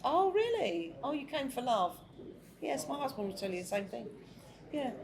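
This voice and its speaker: A woman's voice: high voice, big pitch swings, normal speed, vocal fry. A woman hosting a casual interview, chatty and easily distracted, laughing often. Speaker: host. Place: busy restaurant. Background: restaurant crowd chatter.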